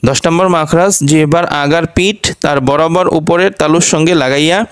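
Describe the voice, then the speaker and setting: A man gives a recitation lesson. His voice is smooth and resonant and sits a little high. He repeats each letter sound slowly and patiently, over and over. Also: steady tone, no room sound, studio quality. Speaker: Quran recitation teacher.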